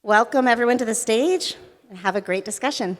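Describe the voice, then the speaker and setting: A woman introducing the panelists on stage in a measured, formal way. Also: on the high side, big-room sound. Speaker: event announcer.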